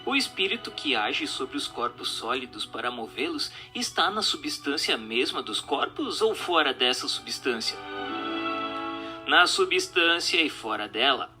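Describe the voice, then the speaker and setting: A man with a mid-range, very animated voice reads a spiritist book's question-and-answer text somewhat slowly. His delivery is formal and instructive, and music plays behind him.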